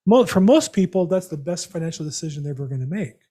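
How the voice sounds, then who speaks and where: A man hosts a live real estate seminar over a video call, chatting and rambling with plenty of fillers. His voice is on the high side, warm, animated and fast.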